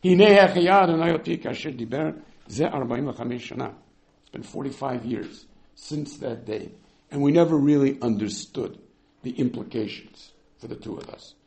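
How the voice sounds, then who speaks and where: A Torah teacher with a medium-pitched, darkish voice and some vocal fry gives a text-based Bible lecture at a moderate pace. He reads Hebrew verses aloud, then explains them with emphatic, dramatic swings in his delivery.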